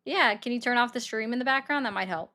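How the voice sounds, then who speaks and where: Woman, call-in host, slightly high voice, blunt, challenging. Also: quick pace, bright, forceful tone. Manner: blunt, challenging, pushes back firmly. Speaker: host taking viewer calls. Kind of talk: political call-in livestream.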